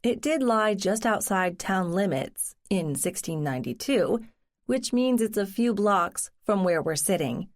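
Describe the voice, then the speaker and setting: A woman's voice: medium pitch, animated, measured pace, lightly acted. Cozy mystery narrator voicing an earnest, wry, determined woman.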